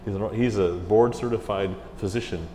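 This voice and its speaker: A middle-aged man, a music director in an interview, telling stories in a chatty, animated way. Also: on the low side, fairly quick. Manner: chatty, animated, slips into mimicked voices. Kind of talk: casual interview storytelling. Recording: roomy hall echo with faint ambient hiss.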